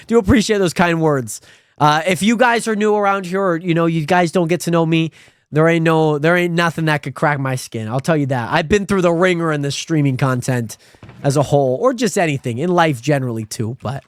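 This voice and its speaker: Twenties male streamer, rambling and friendly, high bright-sounding voice, dry close mic. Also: no room sound. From Spokane, Washington. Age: 20s. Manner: rambling, friendly, animated with sudden high pitch jumps. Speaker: livestreamer. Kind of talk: casual stream chat reading viewer comments.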